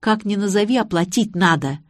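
A woman reading an audiobook voices a loud, pushy man who yells and whines. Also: medium pitch, animated, fairly quick, no room sound, studio quality, pitched above the performer's own voice, lightly acted. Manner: yelling, whining.

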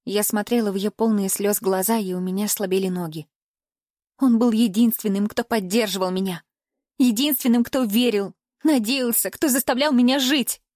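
A woman's voice: mid-range voice, moderate pace, a little mellow, dry recording. A woman narrating a first-person audiobook in an emotive storytelling manner, close to the mic.

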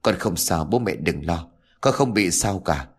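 A man voicing a quiet, withdrawn young village man who speaks softly and briefly in a spoken ghost story. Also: low voice, lively intonation, a little slow, husky, pitched below the performer's own voice, exaggerated voice. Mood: subdued.

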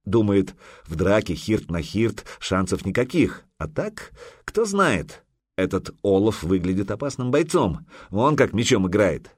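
A man voicing a wary young man's quiet inner thoughts. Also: sing-song, unhurried, breathy edge, dry recording, clean studio sound, full character voice. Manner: quiet, low inner monologue.

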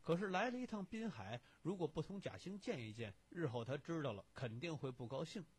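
Husky-voiced man reading a story aloud. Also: a little high, brisk. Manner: lively storytelling narration.

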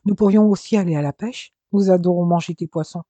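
A man's voice: high voice, fairly quick, no room sound, close to an everyday voice. A man voicing an eager young boy. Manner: excited, pleading.

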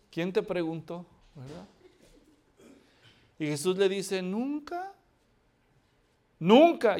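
A man's voice: high-pitched, darkish tone. A male pastor delivering a dramatic sermon, acting out scripture and firing rhetorical questions at the congregation.

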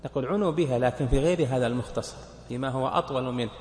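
A man's voice: mid-range voice, rapid-fire, a little mellow. A man, a sheikh, explaining a legal text to his students, counting points aloud and asking them questions. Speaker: sheikh teaching a fiqh text. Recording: echoey hall with long reverb.

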